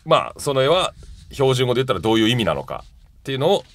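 A man's voice: mid-range voice, sing-song, fast talker. A man with a Kansai accent co-hosting a radio variety show, chatting casually and running a quiz. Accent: Kansai Japanese. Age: 40s. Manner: laid-back and chuckling, reads quiz lines in a rising announcer voice. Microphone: studio microphone.

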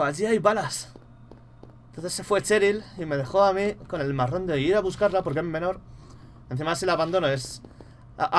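A young man with a Spain Spanish accent, commentating a horror game live, muttering to himself and bursting into loud startled swearing. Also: fairly high pitch, a little hiss or hum. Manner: mutters quietly to himself between outbursts. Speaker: gaming streamer.

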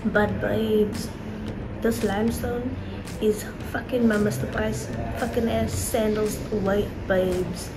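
A woman's voice: mid-range voice, fairly even intonation, slow, very noisy. A young South African woman chatting casually to her viewers in a travel vlog, calling them babes and dropping in Afrikaans words. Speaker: travel vlogger.

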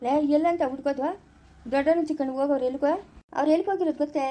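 A woman with a rural Chikkaballapura Kannada accent playing a village woman in a family skit, speaking in quick, clipped phrases. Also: high voice, steady tone, dark tone, close to an everyday voice. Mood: worried.

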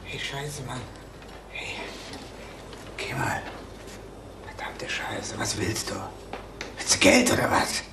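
A man's voice: medium pitch, very animated, slow, long pauses, distant mic. Cornered scared man in a tv crime drama, angry whispering, swearing under his breath, echoey room. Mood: whispered angry fear. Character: cornered man hissing and pleading in frightened anger. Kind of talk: television crime drama acting.

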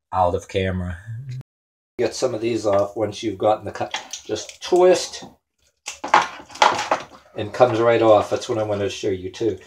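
A man hosting a home cooking show, talking casually and crudely while he cuts meat in a small kitchen, picked up by a camera on the counter. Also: fairly low pitch. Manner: crude, joking, talks while chopping. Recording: clattering kitchen noise behind.

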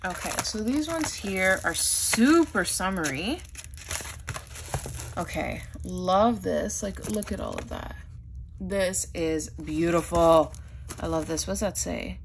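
A woman's voice: mid-range voice, huge pitch swings, a little slow, creaky, slight background noise. A young woman vlogger chatting casually through an unboxing haul, gushing over items, saying "like" a lot, with the hiccups. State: has the hiccups.

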